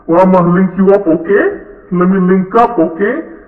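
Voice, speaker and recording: A man's voice: sits high, normal speed. A man with a Toronto slang accent doing a comic, repetitive, slangy street-style chat. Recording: muffled, echoey with long reverb.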